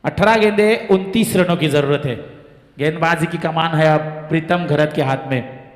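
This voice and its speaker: A man from giving live local cricket commentary in an excitable manner. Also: fairly high pitch, moderate pace. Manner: excited commentary, rising on boundaries. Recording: echoey PA-like sound with long reverb.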